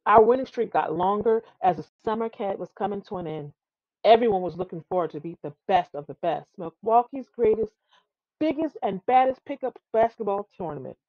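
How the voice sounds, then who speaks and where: Stumbling now and then, a woman with a medium-pitched voice expressively reads a tall tale meant for children. The recording is dry of room sound and dull.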